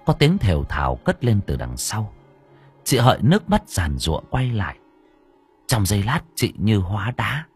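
A man narrating a story slowly and dramatically, letting his voice swell at tense moments. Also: fairly low pitch, sing-song. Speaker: audiobook narrator. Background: faint background music.

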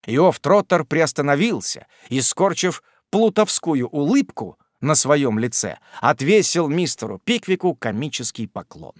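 A man narrating a classic novel in an expressive, theatrical reading. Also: a little high, a little slow, hardly any pauses, no room sound, studio quality. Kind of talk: scripted audiobook narration.

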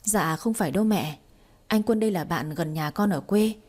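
A woman's voice: lowish voice, moderate pace, a little mellow, close to an everyday voice. Woman reading a timid, stammering young wife. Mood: pleading. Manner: stammering, pleading.

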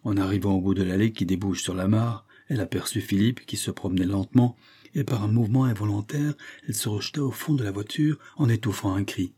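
A man giving a steady, literary narration of a novel as an audiobook reader. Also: on the low side, brisk, husky.

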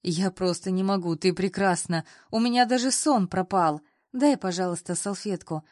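A woman reading the part of a teasing, easygoing young male boss in an audiobook, playful and then softly apologetic. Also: mid-range voice, moderate pace, no room sound, clean studio sound, close to an everyday voice.

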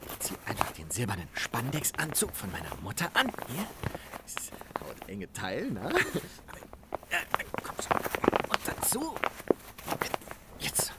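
An actor playing an eager, wheedling former colleague who begs to become a superhero's sidekick. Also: male voice, mid-range voice, wildly swooping pitch, slow, creaky, pauses often, noisy background, heavily acted. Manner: whiny, wheedling. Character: pushy eager ex-colleague man, wannabe sidekick. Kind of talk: radio drama acting.

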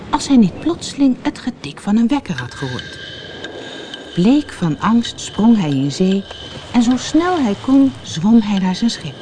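Lively storyteller from the Netherlands. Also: medium pitch, noisy background. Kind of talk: audiobook fairy tale narration.

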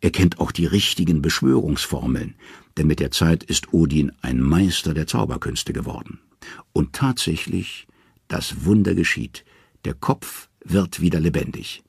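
A man narrating an audiobook with expressive storytelling. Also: rumbling low, measured pace, creaky, breathy edge, no room sound, clean studio sound.

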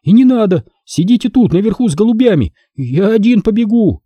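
Man doing an excited boastful boy. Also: high-pitched, fairly quick, husky, no room sound, lo-fi sound, pitched above the performer's own voice, full character voice.

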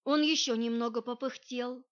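Woman, audiobook narrator, first-person story, steady even read, higher pitch, dull lo-fi recording. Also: moderate pace.

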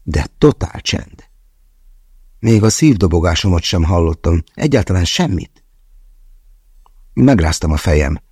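A man's voice: deep voice, animated, pauses often, warm tone, husky, dry recording, clean studio sound. A man narrating a first-person novel as an audiobook, wry and conversational in his storytelling.

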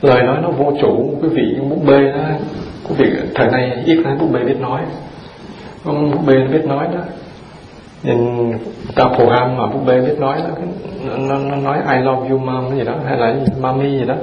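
A man's voice: medium pitch, fairly even intonation, moderate pace, noisy background. A man, a Buddhist monk giving a dharma talk, firing rhetorical questions at his audience in a folksy, humorous way. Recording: roomy dull hall recording with audience present.

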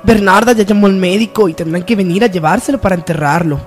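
Radio soap female role, woman actor: outspoken, expressive young woman, medium pitch, music behind. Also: fast, natural voice. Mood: concerned. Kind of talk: amateur radio soap opera acting.

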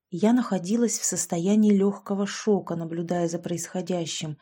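A woman reading a story aloud, narrating and voicing the dialogue of several characters in a lively way. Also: medium pitch. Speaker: audiobook narrator. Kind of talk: scripted narration with acted dialogue.

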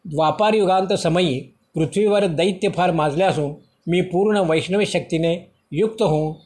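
A man's voice: high-pitched, moderate pace, darkish tone, lightly acted. A man reading the words of the god Krishna, who gives solemn instructions to a royal sage, in a voice close to his own. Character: divine king Krishna, calm commanding man.

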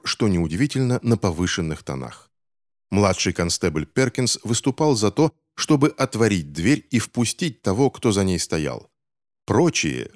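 A male narrator reads an audiobook in a steady, measured way, his voice very low. The sound is close and dry, recorded on a close studio mic. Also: dry recording.

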